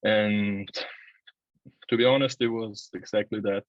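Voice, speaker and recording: This Swiss videographer and agency owner in his early twenties tells his own story as a casual interview guest. He speaks a little slowly in a lowish, steady voice, and the recording is muffled with no echo.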